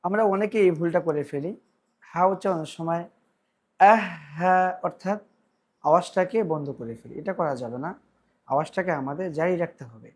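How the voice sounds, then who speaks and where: A man teaching Quran pronunciation, explaining slowly and drawing out practice syllables. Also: a little high, slightly rough. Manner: slow, deliberate explanation with drawn-out practice syllables. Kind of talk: tajweed pronunciation lesson.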